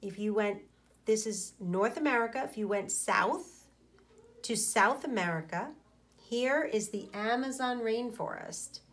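A woman in her forties with a slightly high voice reads aloud to children as a teacher, explaining as she goes with deliberate phrasing and pauses.

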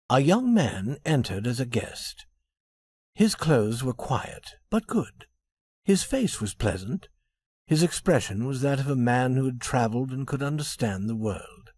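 A man narrating a storybook for English learners with expressive intonation. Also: mid-range voice, no room sound, clean studio sound.

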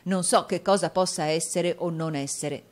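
A woman reading an audiobook, voicing an agitated, cryptic middle-aged male clerk in a loud, urgent way. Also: lowish voice, moderate pace, natural voice. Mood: secretive.

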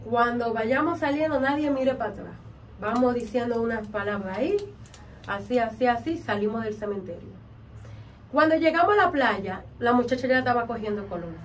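Dominican woman, high voice, vivid storyteller, acts out her own lines, mic far off with faint noise. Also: moderate pace. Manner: animated, acts out quotes and chants. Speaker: vodou practitioner guest. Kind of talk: storytelling in an interview.

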